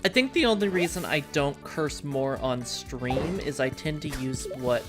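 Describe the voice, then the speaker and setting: A woman streamer hosts a casual chat while she games, speaking frankly and rambling, with some casual swearing. Her voice is bass-deep and a little slow, and game music plays in the background.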